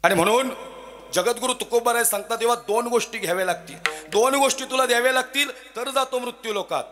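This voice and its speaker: A man's voice: very high voice, quick pace, sharp tone, soft background music. A man preaching a devotional kirtan sermon to a village gathering, telling emotive stories, voicing the characters in them and breaking into sung verses.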